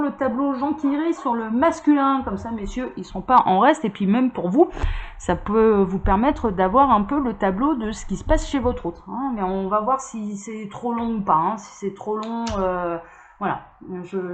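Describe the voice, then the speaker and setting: A woman hosting her own channel, giving a casual spoken tarot card reading and chatting straight to her viewers. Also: medium pitch. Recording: echoey room with faint background noise.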